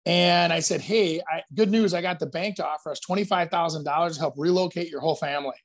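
A man's voice: on the high side, fairly even intonation, quick pace. A man who works as a real estate agent, chatting casually and telling long stories, acting out other people's lines as he goes. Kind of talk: casual podcast chat.

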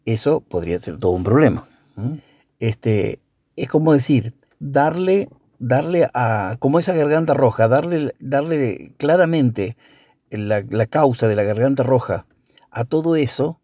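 Thoughtful rioplatense father, dark voice. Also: medium pitch, lively intonation, husky, no echo, clean studio sound. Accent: Rioplatense Spanish. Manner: measured, thoughtful, with fillers. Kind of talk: casual reflective conversation.

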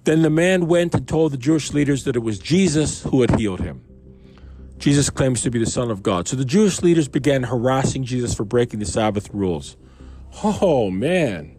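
A man's voice: medium pitch, lively intonation, moderate pace, dark tone, a little hiss or hum. A man from Canada reading a Bible passage aloud and commenting on it in a loose, conversational way, with asides and questions to his listeners. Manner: reads scripture aloud then riffs on it conversationally, with asides and questions.

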